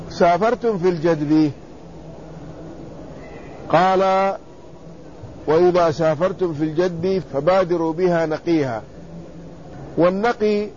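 A man teaching a classical text, reading each passage and then explaining it slowly and deliberately. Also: fairly high pitch, darkish tone, highs cut off, a little hiss or hum. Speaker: teacher of hadith sciences.

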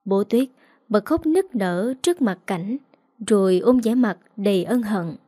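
A woman narrating a scripted audio drama story in a steady reading voice. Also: mid-range voice, a little slow, dry recording, clean studio sound. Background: faint background music.

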